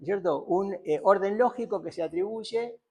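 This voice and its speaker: A man's voice: high voice, normal speed, a little mellow, husky. A man giving a seminar lecture on psychoanalysis, thinking aloud with many fillers and repeated tag questions.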